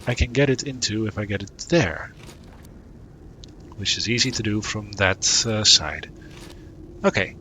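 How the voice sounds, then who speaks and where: A male gaming streamer with a lowish, sharp-toned voice murmurs his reasoning while solving a puzzle game. It's easygoing let's-play commentary, and a little hiss or hum can be heard.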